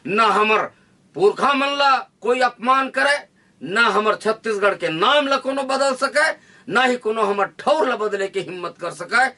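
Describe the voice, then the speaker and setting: Man, Chhattisgarhi accent, fiery declaiming speech, high voice, bright tense tone, heard from a distance. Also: expressive, unhurried. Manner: forceful, declaiming, repetitive rallying lines. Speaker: interviewee, activist leader.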